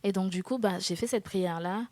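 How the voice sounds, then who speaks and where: A woman in her twenties giving a personal faith testimony in an interview, earnest and hesitant, with soft laughs. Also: mid-range voice, a little fast, dry recording. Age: 20s. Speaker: guest.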